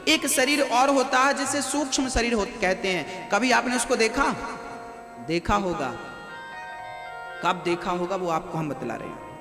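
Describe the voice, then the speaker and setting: A man giving a devotional sermon to a live audience, asking them questions and slowly reciting verses. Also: sits high, lively intonation. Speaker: spiritual preacher. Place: large hall with live audience. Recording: echoey hall recording with music.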